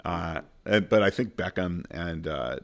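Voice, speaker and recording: A man's voice: deep voice, expressive, measured pace, creaky. A man co-hosting a fantasy football podcast in casual chat, rambling and laughing at his own jokes.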